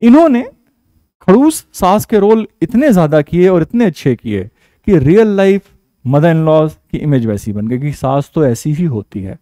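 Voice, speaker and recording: A man's voice: a little high, very animated, unhurried, dark tone, no room sound. A man with an Indian English accent, teaching vocabulary in a casual online lesson, chatty and joking, calling his students 'beta'.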